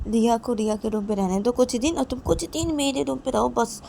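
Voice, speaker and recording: An anxious young woman lover, put on by a woman telling the story begs again and again. Her pleas climb high, with faint hiss behind them. It is plain amateur storytelling, not polished acting. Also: fairly even intonation, fairly quick, vocal fry, mellow. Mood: persuading. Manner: repeats pleas over and over. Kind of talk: amateur story narration with voices.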